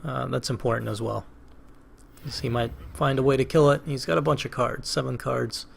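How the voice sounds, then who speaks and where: Gravelly man thinking aloud over a card game. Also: medium pitch, fairly even intonation, moderate pace. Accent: Boston. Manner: thinking aloud, hesitant, self-questioning. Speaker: gaming channel host. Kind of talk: casual let's play commentary.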